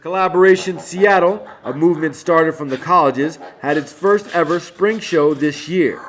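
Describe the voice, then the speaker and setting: A man's voice: on the high side, moderate pace. Upbeat man narrating a music roundup. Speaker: show host narrator. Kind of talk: scripted news narration.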